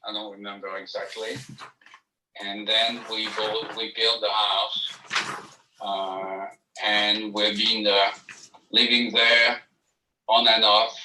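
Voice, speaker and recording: A man phoning in on speaker, the phone held away from the mic, giving halting testimony about his property with many fillers and restarts. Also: fairly low pitch, flat delivery, background noise. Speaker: property owner presenting a grievance. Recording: echoey, distant speakerphone audio.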